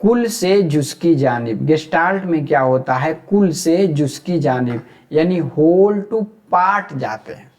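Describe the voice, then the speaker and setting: Man, Hyderabadi Urdu accent, exam-prep teacher, slow delivery, slightly high voice, asks and answers his own questions. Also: lively intonation, darkish tone. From India. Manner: asks questions aloud, then answers them himself.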